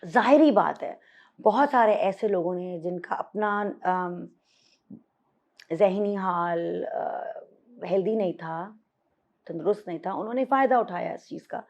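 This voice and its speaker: A woman's voice: mid-range voice, a little slow, darkish tone. Guest, woman, 50s, mid voice, candid and reflective, code-switching, repeats for emphasis; lo-fi podcast sound. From Pakistan. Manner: reflective, switches between Hindi-Urdu and English, emphatic repetition. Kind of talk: candid interview conversation.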